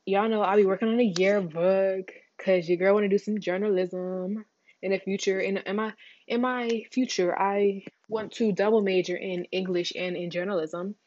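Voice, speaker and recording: A teenage girl hosting her own podcast, chatting casually, rambling fast, running her words together and switching topics. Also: medium pitch, steady tone, darkish tone, highs cut off. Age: teens. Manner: rambling, fast, words run together, slangy, says y'all a lot. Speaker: podcast host. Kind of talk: casual solo chat.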